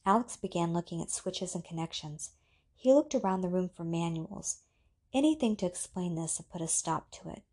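A woman narrating an audiobook story in a steady, measured reading voice. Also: lowish voice. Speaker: story reader.

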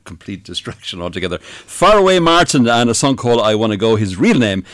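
An Irish-accented man hosts a casual radio interview. He talks quickly in a slightly low voice, with a dry, close studio sound. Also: expressive, a bit bright, no echo. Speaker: radio host.

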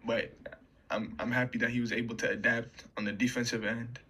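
Flat-voiced man, hedging sports talk. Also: medium pitch, fairly quick. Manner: hedging, many "you know" fillers. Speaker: podcast co-host. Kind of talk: casual sports chat. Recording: faint background noise.

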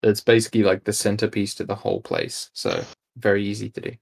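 Low gravelly game master man. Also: fast talker. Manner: relaxed, hesitant with fillers. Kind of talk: narrating a tabletop game.

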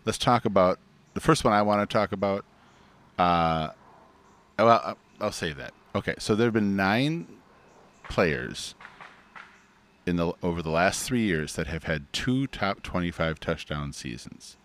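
A man with a gravelly voice co-hosting a podcast, chatting casually about sports in a teasing, conversational way. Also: low voice, lively intonation, a little slow, a bit bright. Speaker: podcast co-host.

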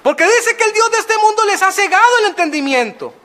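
A middle-aged male pastor preaching a sermon, asking rhetorical questions and dropping into quiet storytelling. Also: very high voice, lively intonation, brisk.

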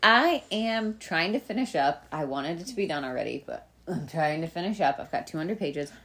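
A young woman co-hosting a casual book podcast, animated and teasing. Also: sits low, moderate pace, slightly rough. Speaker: podcast co-host. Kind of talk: casual chat about books.

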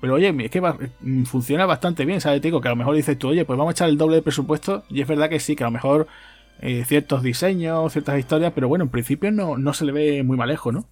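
A fast-talking man with a slightly high, darkish voice co-hosts a casual film podcast over soft background music. Chatty and conversational, he often tags his phrases with "¿no?".

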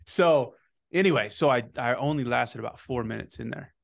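Man, gravelly voice, high-energy casual podcast host, swears a lot, keeps saying "right?". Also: normal speed. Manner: energetic storyteller, swears freely, says "right?" often. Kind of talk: casual chat.

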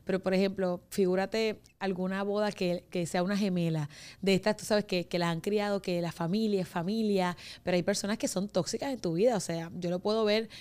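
Puerto Rican woman wedding planner, a chatty guest who tells animated stories and mimics her clients. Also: medium pitch, brisk, clear, resonant tone. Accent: Puerto Rican Spanish. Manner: animated storyteller, acts out clients' voices. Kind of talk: casual chat.

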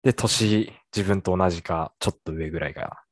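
A man's voice: low voice, a little fast, dry recording, clean studio sound. A young man in casual conversation, rambling and hesitant, trailing off with fillers as he talks. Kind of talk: casual chat.

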